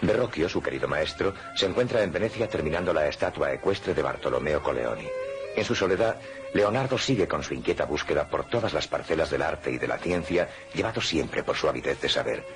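A man's voice: extremely low pitch, expressive, a little fast, over music. A man narrating an educational history cartoon in a solemn, scripted style.

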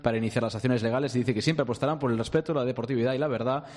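Sports radio co-host guy reading news super fast, long reverb. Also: mid-range voice, steady tone, darkish tone. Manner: brisk, reads statements aloud.

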